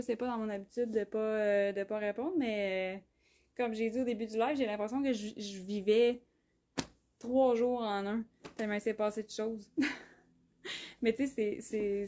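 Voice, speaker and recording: A woman with a Québécois accent hosting a live clothing sale, chatty, full of fillers and quick laughs. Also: on the high side, warm tone. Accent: Québécois French. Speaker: clothing brand host. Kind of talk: live shopping stream. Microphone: phone.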